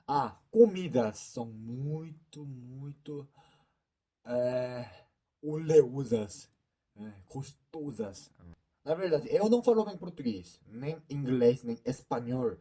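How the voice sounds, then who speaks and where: A young man in his twenties from South Korea with a Korean accent, speaking a second language haltingly in a casual interview, often pausing to search for words. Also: mid-range voice, animated, warm tone. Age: 20s. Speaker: interviewee, YouTuber.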